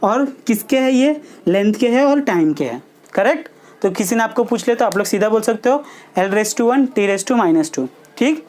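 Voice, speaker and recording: A woman teaching a physics class. She asks the students questions and then answers them herself, and she often checks in with short tags. She slows down to dictate the formulas. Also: fairly high pitch, lively intonation, darkish tone. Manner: checks understanding with short tags like "theek hai". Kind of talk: classroom lesson at a board.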